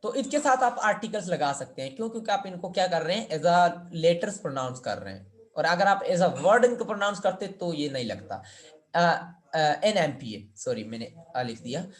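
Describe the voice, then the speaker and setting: A man's voice: sits high, sing-song, moderate pace. A man teaching an English grammar lesson, explaining step by step, repeating words and asking students for answers.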